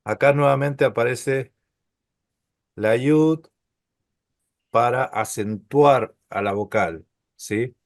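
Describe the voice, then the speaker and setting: A middle-aged man guides a live Hebrew class, sounding out each letter at a very unhurried pace. His voice sits in a middle register and is recorded dry and close, with no room echo. He keeps checking that students follow with a gentle "¿sí?". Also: mid-range voice. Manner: patient, slow letter-by-letter explanations with frequent "¿sí?" checks. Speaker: Hebrew teacher. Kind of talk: live online Hebrew lesson.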